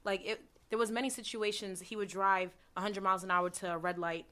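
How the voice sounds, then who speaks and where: A woman on a panel giving a personal account in a quiet, hesitant way, often restarting her sentences. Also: mid-range voice, fairly even intonation, a little fast. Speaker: panel guest. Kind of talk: personal testimony.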